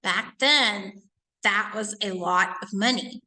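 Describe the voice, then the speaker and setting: In a bright, forceful, medium-pitched voice, a woman takes her time reading to a group of children, stopping to quiz them and explain points as a teacher would. The audio is rough.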